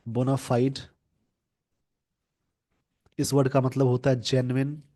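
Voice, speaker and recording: A male English teacher explaining a newspaper editorial to exam students. He reads English sentences slowly, then explains them word by word and tells viewers what to note down and remember. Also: medium pitch, level tone, dark tone.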